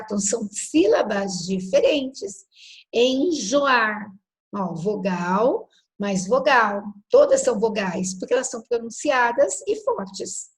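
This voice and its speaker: A woman teaches a class in a slightly high voice. She is patient and didactic, tags her sentences with quick questions to the class, and slows down to spell out letters. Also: rough recording. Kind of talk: classroom lecture on phonology.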